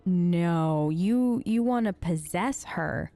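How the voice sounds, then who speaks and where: A gaming video host delivers improvised role-play commentary over a video game, sounding sassy, sarcastic, and conversational. Her high-sitting voice is expressive and a little slow.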